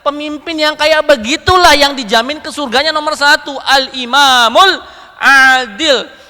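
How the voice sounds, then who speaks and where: Animated high-voiced male preacher. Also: brisk. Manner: animated, addresses the audience often. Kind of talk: storytelling sermon. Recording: echoey hall.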